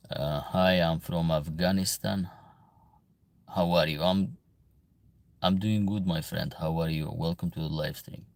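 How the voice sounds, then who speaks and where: A man's voice: deep voice, a little mellow, dry recording. A man from Albania with an Albanian accent, chatting casually on a livestream as he reads viewer comments aloud and answers them. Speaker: livestream host, veterinarian.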